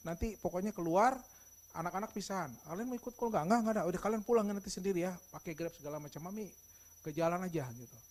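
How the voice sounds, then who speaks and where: A middle-aged man preaching a sermon, telling stories and acting out dialogue, swinging between soft and loud emphasis. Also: high voice, quick pace, a little hiss or hum. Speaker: pastor.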